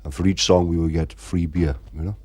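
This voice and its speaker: Speaking a little fast in a low, steady, darkish voice, this middle-aged Irish frontman gives a casual interview. He rambles and fills it with constant "you know"s.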